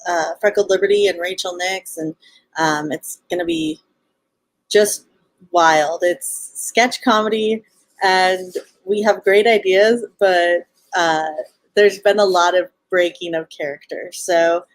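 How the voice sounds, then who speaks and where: A woman with a California Valley Girl accent chats casually in a bubbly sorority-girl way, peppering her talk with slang. Her voice sits a little low for a woman and is recorded close and dry. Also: slow pace, no echo, low-quality recording. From Los Angeles, United States. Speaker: podcast guest, show co-founder and event organizer. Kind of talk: casual live interview chat.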